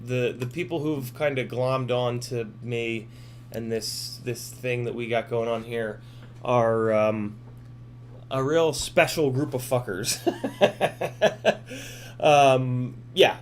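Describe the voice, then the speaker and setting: A man's voice: mid-range voice, slow, a little hiss or hum. Rambling man chatting on a live stream. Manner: rambling with many fillers and restarts; reads chat aloud, swears casually. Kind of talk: casual live-stream chat.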